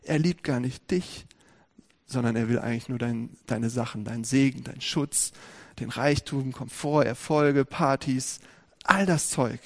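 A man preaching a sermon, speaking lively and directly to his congregation with many rhetorical questions. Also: medium pitch, unhurried.

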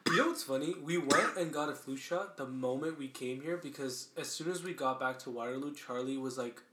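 A young man of medium pitch talks loosely with friends on a podcast. The room around his voice is noticeably echoey. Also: fairly quick, pushed and bright, a little hiss or hum. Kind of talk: casual chat.

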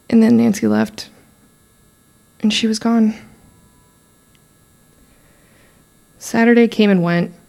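A young woman playing a podcaster who recounts her murdered cousin's case, in measured, solemn, scripted true crime narration. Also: mid-range voice, vocal fry, a little mellow, lightly acted. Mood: regretful.

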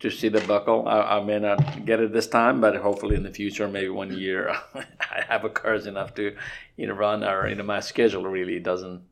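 A man from Nepal, hosting a casual podcast interview in a halting way, with many fillers and restarts. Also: on the low side, little pitch movement, vocal fry. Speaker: podcast host.

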